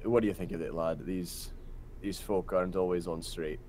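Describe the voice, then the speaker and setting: A man voicing a solemn middle-aged dwarf high cleric who speaks in a grave, measured way. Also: steady tone, mellow, slight background noise, close to an everyday voice.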